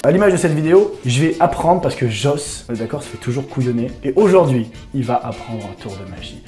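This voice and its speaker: A man's voice: mid-range voice, lively intonation, fairly quick, mellow. A man hosting a video, chatting to the camera in an informal, joking way. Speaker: video host. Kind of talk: casual chat to camera. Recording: roomy echo, music behind.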